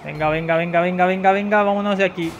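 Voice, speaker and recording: A young man with a Spain Spanish accent giving excitable, casual gameplay commentary with loud exclamations and frequent swearing, sounding slightly congested. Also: high-pitched, fast, highs cut off, slight background noise. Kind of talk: casual let's-play commentary.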